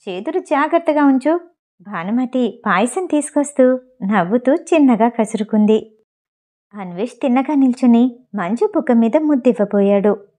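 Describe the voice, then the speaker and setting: A woman's voice: a little high, lively intonation, moderate pace, warm tone. A woman narrating an audio novel, reading every character's lines herself. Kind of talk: storytelling narration with character dialogue.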